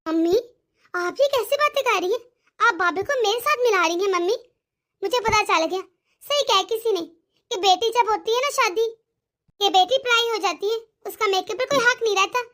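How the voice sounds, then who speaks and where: Brief: woman doing a whiny cartoon daughter, young and meddling, sharp high-pitched scolding. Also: normal speed. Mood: sulky. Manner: sulky, scolding, dramatic. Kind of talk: animated cartoon voice acting.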